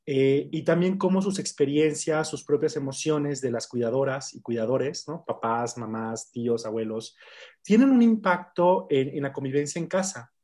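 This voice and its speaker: Mellow man hosting an interview. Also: medium pitch, moderate pace. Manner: thanks the guest and asks follow-up questions. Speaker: host. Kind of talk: interview questions.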